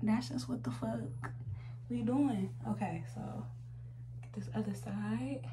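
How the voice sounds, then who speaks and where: A woman's voice: on the high side, slow pace. A woman in her twenties with an American accent, chatting informally and slangily as a makeup vlogger. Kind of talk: casual chat, makeup tutorial. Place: small room at home, indoors. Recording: noisy home recording with hum.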